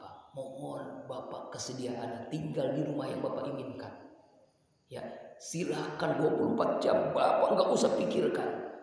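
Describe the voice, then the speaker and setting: A man voicing a wealthy man, humbled and pleading softly, as part of a sermon story. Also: medium pitch, vocal fry. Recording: echoey hall from far off.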